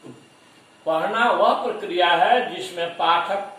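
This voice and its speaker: A man giving a classroom lecture to teacher trainees, speaking deliberately and repeating example words to stress them. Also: sits high, fairly bright tone. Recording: echoey room, voice far from mic.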